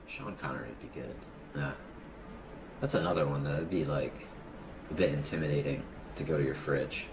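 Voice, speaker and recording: A man's voice: very deep voice, moderate pace, background noise. A man co-hosting a casual chat show, laid-back and joking, often trailing off mid-sentence. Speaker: co-host.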